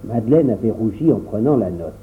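A man narrates a children's story in a measured, storytelling way. His pitch is animated and varied. The sound is thin and phone-like. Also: a little hiss or hum. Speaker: audiobook narrator. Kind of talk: reading a children's novel aloud.

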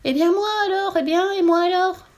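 A whining, sulky little pig from a storybook, as a woman reads him. His voice climbs high and pleads in a petulant wail. He grumbles that nobody loves him. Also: fairly quick. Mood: indignant. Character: greedy sulky little male pig, whiny.

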